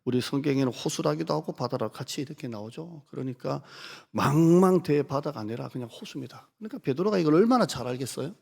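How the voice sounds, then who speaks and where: A man's voice: fairly high pitch, expressive, fast, creaky, few pauses, darkish tone. A middle-aged male pastor preaching a sermon in a conversational way, asking the congregation questions and acting out what people say. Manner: conversational, asks the congregation questions and acts out quoted speech. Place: church sanctuary. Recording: church hall with long reverb.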